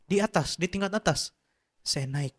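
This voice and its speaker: A man's voice: a little high, normal speed, fairly bright tone. A man, telling a childhood story in a casual podcast chat and laughing often.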